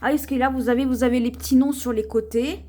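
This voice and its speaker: Sitting high in pitch, her voice is dark in tone with fairly even intonation. In a slow, chatty haul vlog she shows off her purchases, says "voyez" again and again while pointing things out, and at times trips over words and restarts names.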